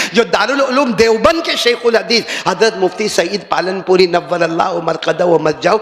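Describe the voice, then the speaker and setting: A man's voice: sits high, a bit bright, long reverb tail. An older man preaching a sermon, telling stories and speaking straight to a seated audience. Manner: storytelling preacher, addresses crowd directly.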